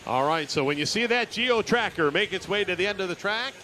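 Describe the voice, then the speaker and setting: A man's voice: high-pitched, expressive, brisk, bright, forceful tone. A man giving live commentary as a tractor pull announcer at an outdoor event. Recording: noisy outdoor event with vehicles. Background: engine and outdoor noise.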